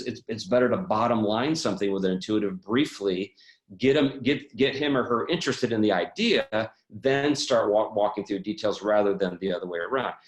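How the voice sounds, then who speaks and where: A man presenting a personality-type webinar, telling personal stories in an animated way with many restarts. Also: fairly low pitch, roomy sound.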